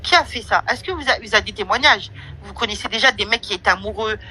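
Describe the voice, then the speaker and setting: Brash, bright-voiced slangy woman. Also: medium pitch, fast talker, low-quality recording. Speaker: host of an online audio room. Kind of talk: casual monologue with listener questions.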